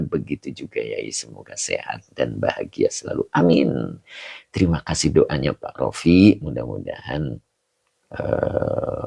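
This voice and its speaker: A man's voice: deep voice, gravelly, warm tone, breathy edge. A man teaching an online lesson on Quran exegesis and Arabic grammar, greeting viewers by name between points. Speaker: religious teacher.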